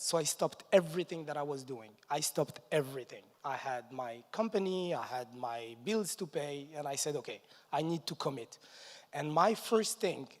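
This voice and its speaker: Man speaking on a conference stage. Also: on the high side. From Morocco. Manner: energetic, chuckles between points. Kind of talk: stage presentation. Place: large conference hall stage. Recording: long reverb of a large hall.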